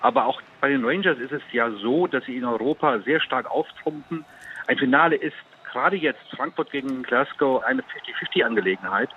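A man's voice: mid-range voice, lively intonation, brisk. A man, a sports journalist, giving spoken expert analysis in an interview. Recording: phone-like narrow sound, faint noise.

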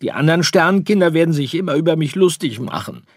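A man's voice: on the high side, lively intonation, fast, no echo, studio quality, voice pushed up. A man reading an audiobook, voicing a small boy star who is tearful and whiny. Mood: wailing. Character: little boy star, upset and weepy.

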